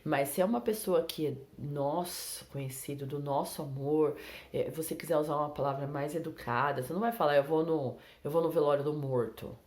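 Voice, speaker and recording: A young Brazilian woman with a low-pitched voice teaches English to Portuguese speakers. She talks in a relaxed, chatty way and often stops to check that her students are following. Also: a little fast. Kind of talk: casual online English lesson.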